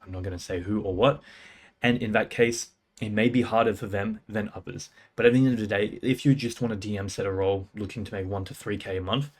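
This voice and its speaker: A young man, a music producer and sales coach, gives casual, confident sales-career advice as a talking head, punchy and slangy. His voice sits on the low side, steady in tone and fast.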